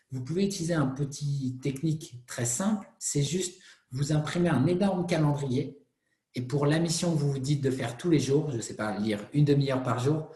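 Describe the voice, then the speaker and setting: A man's voice: fairly high pitch, dark tone, echoey room. A man giving a motivational talk in an earnest way, often repeating phrases and restarting words. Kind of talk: motivational presentation.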